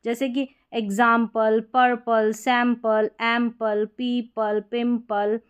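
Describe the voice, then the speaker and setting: A woman's voice: a little high, level tone, slow pace, clear, resonant tone, muffled recording. A woman teaching English spelling rules, patient and explaining step by step with many examples. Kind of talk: spoken spelling lesson.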